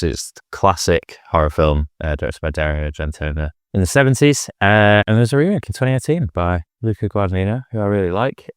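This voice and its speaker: A man's voice: low voice, smooth, no echo, studio quality. A man casually talking about films on a podcast, rambling with many fillers and restarts. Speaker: podcast host. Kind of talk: casual film chat.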